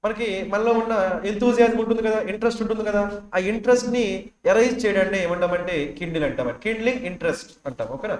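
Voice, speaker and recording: Man, teacher, fast vocabulary drills, quizzing students, echoey classroom. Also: high-pitched. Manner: drills words with constant questions to students.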